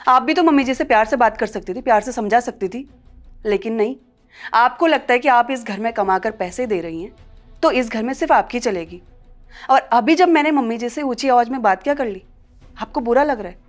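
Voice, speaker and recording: An actress playing an outspoken young daughter-in-law who scolds and confronts others in a family short film. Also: female voice, a little high, natural voice. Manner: confrontational, scolding, rising loudness.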